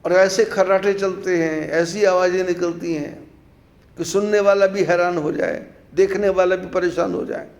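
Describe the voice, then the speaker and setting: A man's voice: sits high, steady tone, moderate pace. A man giving a devotional discourse as a spiritual teacher, telling stories and asking rhetorical questions with repeated phrases.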